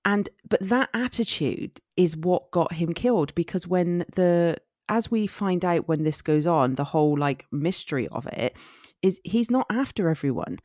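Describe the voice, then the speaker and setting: A woman's voice: on the low side, animated, moderate pace, hardly any pauses, a little mellow, no room sound, clean studio sound. A woman from Somerset with a West Country accent, chatting casually and bluntly about films, with some swearing. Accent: West Country English, Somerset. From Somerset, England. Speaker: film podcast co-host. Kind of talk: casual film chat.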